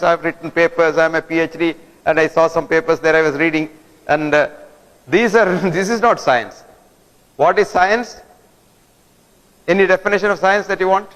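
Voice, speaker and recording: A man's voice: on the high side, fairly bright tone. A man giving a didactic lecture, often throwing rhetorical questions at the audience. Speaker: guest lecturer. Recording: long hall reverb.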